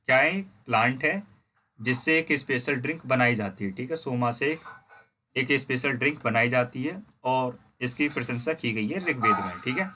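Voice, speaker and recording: A man teaching a history lesson in Hindi. He reads English lines slowly, explains them, and asks and answers his own questions. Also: medium pitch, bright, forceful tone. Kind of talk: classroom lecture explaining a textbook.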